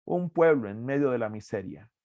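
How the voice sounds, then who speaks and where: A man's voice: mid-range voice, lively intonation, normal speed, no echo, muffled recording. A man teaching an evangelism workshop as a preacher, earnest and emphatic, repeating key phrases.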